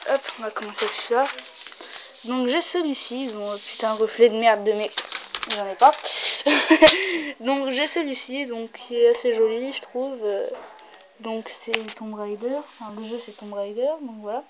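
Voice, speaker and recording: A young woman hosting a casual vlog, talking loosely with lots of fillers and frequent swearing. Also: a little high. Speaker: video host. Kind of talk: casual vlog showing posters. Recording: dull lo-fi home recording with clear noise.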